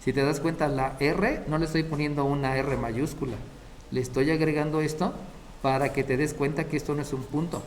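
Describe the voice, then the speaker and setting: A man's voice: fairly high pitch, fairly even intonation, a little fast, a little hiss or hum. A man giving a math lecture, explaining step by step and checking in with his students. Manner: explains step by step, often checking the class with short questions. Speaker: math teacher.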